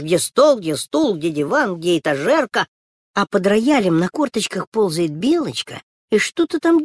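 A woman reading a children's story aloud in a lively, dramatic way. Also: mid-range voice, dry recording, clean studio sound.

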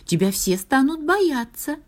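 A woman doing a teasing magic star, high and sly. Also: big pitch swings, measured pace.

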